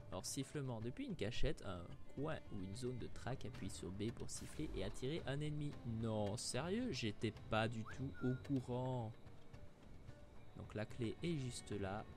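A man with a Liège accent commentating a video game, joking with viewers and putting on silly voices. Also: fairly low pitch. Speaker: let's play gamer. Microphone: new microphone. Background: game music.

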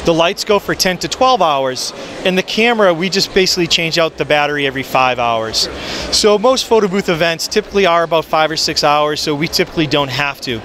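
A man in his forties with a fairly high voice talks up his product in an upbeat, salesy way, filling pauses with ums. He holds a handheld mic on a busy trade show floor, and clear crowd and hall noise run behind him. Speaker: photo booth maker.

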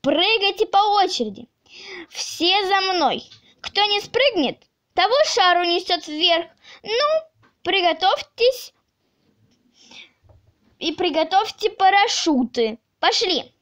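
A woman voicing a calm, clever little boy who leads the others and gives orders in a storybook reading. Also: high-pitched, measured pace, no echo, studio quality. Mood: commanding. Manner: calm, commanding.

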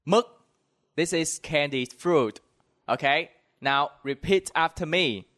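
Young man, Southern Vietnamese accent, language teacher, extremely slow delivery, slightly high pitch, deliberate enunciation. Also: sharp tone. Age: young adult. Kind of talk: language lesson, slow repeat-after-me drilling. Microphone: handheld microphone.

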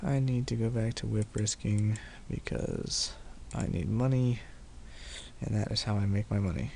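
Gravelly young man narrating his gameplay. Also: lowish voice, fairly even intonation, moderate pace, a little mellow, slight background noise. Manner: profane, laid-back, laughing often. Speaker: gaming video host. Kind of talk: casual gameplay commentary.

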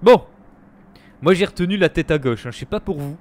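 A man hosting a live let's-play, chatting to his viewers and reacting excitedly to the game. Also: fairly high pitch, brisk. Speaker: gaming streamer, host.

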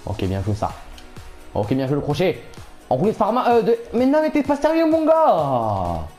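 Excitable young Frenchman narrating his match. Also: high voice, soft background music. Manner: excitable, shouts at big moments, repeats phrases rapidly. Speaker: gamer commentating his own match. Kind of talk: casual live gameplay commentary.

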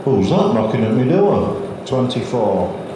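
Slow singsong bingo caller, big echoey hall. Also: male voice, mid-range voice, very animated, background noise. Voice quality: measured, sing-song calling. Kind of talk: bingo calling.

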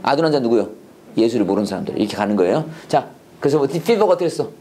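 Racing along in a mid-range, dark-toned voice with big pitch swings, this middle-aged man leads a Bible and English class. He lectures with preachy emphasis and has students repeat drilled phrases in call-and-response, over slight background noise.

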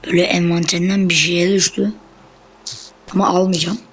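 Chatty young gameplay streamer, mid-pitched. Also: a little fast, slight background noise, low-quality recording. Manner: chatty, constantly addressing viewers as friends; excitable bursts while fighting. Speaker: gameplay YouTuber. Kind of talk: casual gameplay commentary.

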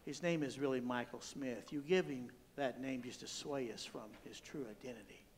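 A man acts a gangster's envoy who needles and accuses without fear. His medium-pitched voice is confrontational, in the manner of a stage comedy. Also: normal speed, slight background noise, close to an everyday voice. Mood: taunting. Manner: confrontational, taunting. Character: rival mobster's envoy, needling, accusing, unafraid.

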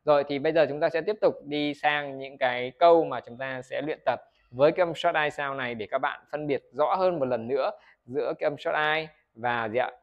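A Vietnamese man teaches English pronunciation in a video lesson, his mid-range voice moving fairly quickly through a muffled recording. He keeps putting questions to viewers, answering them himself, and modeling words for them to repeat.

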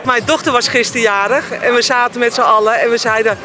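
A woman's voice: fairly high pitch, steady tone, quick pace. Woman fresh from ice cold water, crowd behind. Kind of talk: on-the-spot interview. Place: beach by the sea, outdoors. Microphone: handheld interview microphone. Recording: crowd and outdoor noise.

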